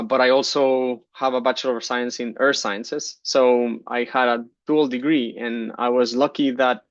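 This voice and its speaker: Man from Guatemala, 30s, keynote speaker; mid pitch, dry, dull call audio. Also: no echo. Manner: relaxed, many fillers and restarts. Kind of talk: conference keynote talk. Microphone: computer mic on a video call.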